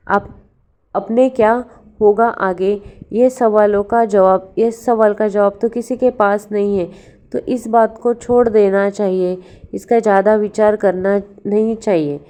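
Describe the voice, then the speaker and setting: Slow, mellow-voiced woman giving calm advice. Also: medium pitch, clean tone. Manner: calm, unhurried advice with frequent restarts. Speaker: motivational speaker. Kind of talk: spiritual self-help talk.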